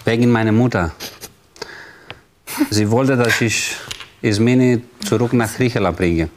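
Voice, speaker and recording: Actor as evasive father, halting, repetitive, medium pitch, TV courtroom drama, faint background noise. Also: close to an everyday voice. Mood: reluctant, apologetic. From Greece. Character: evasive Greek father under his mother's thumb. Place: indoor TV studio courtroom.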